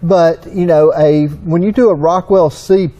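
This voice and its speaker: A man's voice: a little high, fairly even intonation, unhurried, warm tone. A middle-aged man with a Southern US accent, explaining engine surfaces at a whiteboard in a folksy, storytelling way. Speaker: engine consultant.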